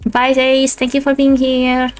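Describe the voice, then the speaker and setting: A woman streamer chatting excitedly while playing a co-op game, exclaiming and laughing often. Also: high voice, a little slow. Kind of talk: casual gaming chat. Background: faint lo-fi background music.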